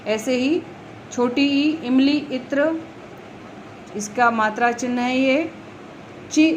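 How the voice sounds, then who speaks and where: A woman's voice: high voice, slow, slight background noise, rough recording. A woman teaching a grammar lesson to young schoolchildren, patiently repeating letters and example words. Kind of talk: explaining Hindi grammar to young children.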